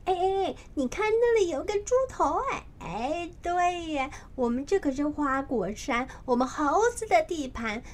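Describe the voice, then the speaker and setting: A woman voicing an excited little male monkey servant in a children's storybook, with a squeaky, eager, breathless manner. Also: a little slow, hardly any pauses.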